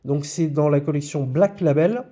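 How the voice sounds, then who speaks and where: A man's voice: on the high side, normal speed, dark tone. A man presenting his comic book purchases in a casual video, with frequent hesitations. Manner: hesitant, many fillers. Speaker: comics vlogger.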